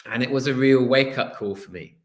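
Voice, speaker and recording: A man from Wales in his thirties presents his business on a video call with a Welsh accent. His pitch sits in the middle range, and he talks in an earnest, storytelling way with the odd pause. The room around him is roomy and echoey. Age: 30s. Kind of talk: online presentation. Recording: roomy echo.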